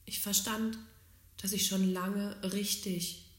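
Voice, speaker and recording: A woman calmly and earnestly telling her own life story in a reflective way. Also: mid-range voice, takes it slowly. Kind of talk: personal storytelling. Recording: roomy, echoey recording.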